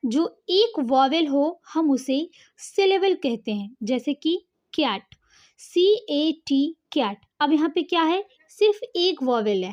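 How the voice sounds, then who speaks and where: A woman with a high voice teaches an online English lesson. She explains each point step by step and keeps checking in with her learners. The recording sounds a little dull and lo-fi.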